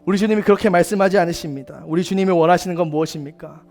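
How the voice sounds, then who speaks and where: A man's voice: high-pitched, racing, a little mellow, faint music behind. A man preaching a sermon at a church service, earnest, putting rhetorical questions straight to his listeners. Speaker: youth ministry preacher.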